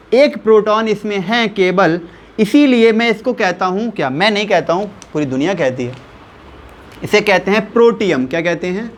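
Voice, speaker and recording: A man with a high-pitched voice teaches a chemistry lesson. He slows down to spell out each value step by step. He keeps asking his listeners questions and repeating the key terms back to them. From India.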